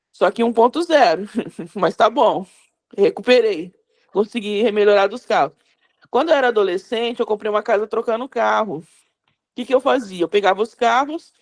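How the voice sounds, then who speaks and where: A Brazilian woman in her fifties, a class participant, telling a personal story in a rambling, self-correcting way over a video call. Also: on the high side. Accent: Brazilian Portuguese. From São Paulo, Brazil. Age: 50s.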